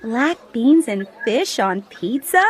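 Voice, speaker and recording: A woman voicing a young woman in a textbook audio dialogue who is picky about food, speaking clearly and expressively. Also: a little high, lively intonation, takes it slowly. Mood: doubtful.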